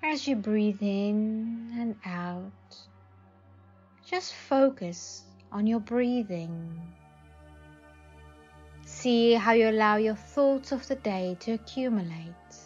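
A woman, a psychic advisor and meditation guide, leads a meditation very slowly in a soothing voice of average pitch, leaving long pauses. Faint music sits under the slightly dull recording.

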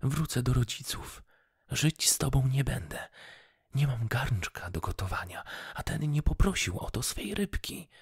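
Give me a man playing a scolding fisherman's wife in a storybook, shrill and husky. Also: animated, a little slow, no room sound, exaggerated voice. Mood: angry. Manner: nagging, shrill and loud.

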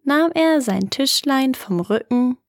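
Slow, measured woman reading a fairy tale. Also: high voice, animated. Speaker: narrator.

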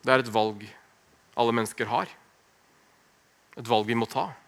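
A man preaching a sermon, earnest and emphatic, slowing down on key phrases and dropping to a hush. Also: mid-range voice, gravelly. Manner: earnest, slow emphatic phrasing with wide swings in loudness.

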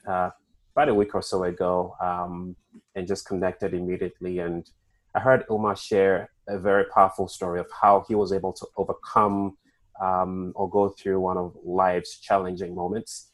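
A man hosting a podcast who introduces a guest and asks questions in a measured way with many filler pauses. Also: deep voice, level tone, rough recording. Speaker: podcast host.

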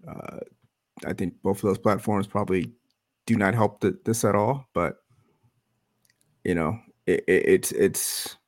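Low-voiced man, halting podcast chat. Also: no room sound, studio quality. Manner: halting, full of fillers and restarts. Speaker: podcast co-host. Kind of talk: casual chat.

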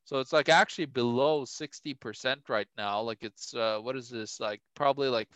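A man's voice: medium pitch, normal speed, a bit bright, clean tone, dry recording. A man co-hosting a casual podcast, chatty and full of "like" and "you know". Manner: chatty, heavy on "like" and "you know", laughs often. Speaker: co-host.

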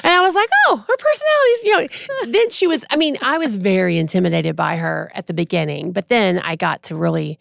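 A woman in her forties, a podcast guest, telling a personal story in a casual, animated way and acting out what others said. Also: on the low side, a little fast, gravelly, few pauses, no room sound, clean studio sound. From Texas. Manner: animated, acts out quoted voices.

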